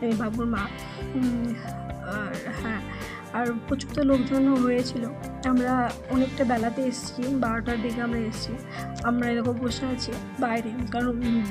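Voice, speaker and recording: Hoarse young vlogger woman. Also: fairly high pitch. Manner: halting, many fillers and restarts. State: hoarse, losing her voice. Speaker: family vlogger. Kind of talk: casual vlog narration.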